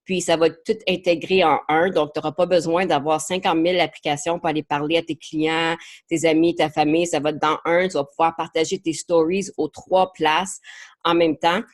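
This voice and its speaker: In a deep voice with level tone and moderate pace, a marketing coach conducts a live online training. A native English speaker with an English Canadian accent, she talks chattily in French interspersed with English words, hesitating and repeating words often.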